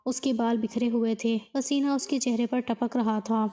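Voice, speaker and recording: Woman narrator, scripted story reading, very flat delivery, mellow dark tone. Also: fairly high pitch.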